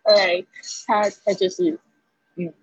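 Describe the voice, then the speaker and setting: A woman's voice: medium pitch, big pitch swings, measured pace, creaky, dull audio, background noise. A woman teaching an online English vocabulary class, reading each word twice and explaining the sounds patiently.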